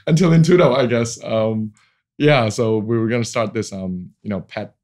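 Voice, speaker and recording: In a casual interview, a venture capital founder from Hong Kong, aged in his forties, speaks at normal speed in a voice on the low side. He's at ease, quick to laugh, and full of fillers and false starts.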